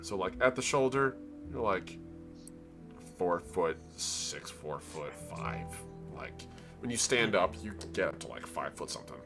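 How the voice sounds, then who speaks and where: Low-voiced male game master over music. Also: sing-song, a little slow, gravelly. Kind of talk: improvised tabletop game narration. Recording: prominent background music.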